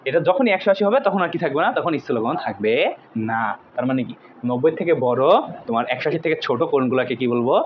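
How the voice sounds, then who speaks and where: A man's voice: medium pitch, lively intonation, quick pace, muffled recording, a little hiss or hum. A young man teaching an online math lesson, drilling students with repeated questions in a jokey, brotherly way. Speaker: math tutor.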